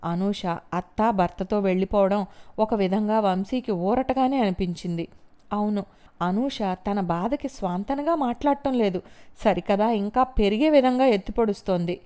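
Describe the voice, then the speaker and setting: A woman narrating a novel in an audiobook, steady and measured. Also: mid-range voice, clean tone.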